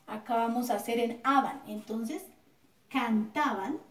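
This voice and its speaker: Slow, patient Colombian woman teacher. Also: fairly high pitch, distant mic. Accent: Colombian Spanish. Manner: slow, patient, repeats words and checks with "¿cierto?". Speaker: schoolteacher. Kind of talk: recorded grammar lesson. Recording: echoey room, voice off-mic.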